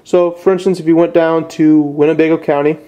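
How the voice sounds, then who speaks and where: In a rough recording made indoors at a desk, a young Midwestern man from northern Illinois delivers an amateur step-by-step how-to. He talks casually and somewhat hesitantly in plain words, his voice a little high and warm, with a flat, slightly fast delivery.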